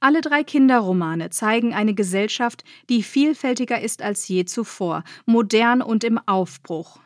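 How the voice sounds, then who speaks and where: A woman narrating a scripted radio feature on literature, measured and explanatory. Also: a little high, animated, no room sound, studio quality.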